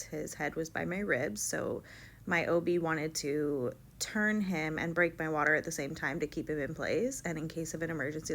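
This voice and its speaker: A young woman tells a personal story in a casual vlog. Her voice sits a little low, and she fills it with likes. She bounces between narration and livelier voices for the people she quotes. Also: a bit bright, slight background noise. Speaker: vlogger telling her birth story.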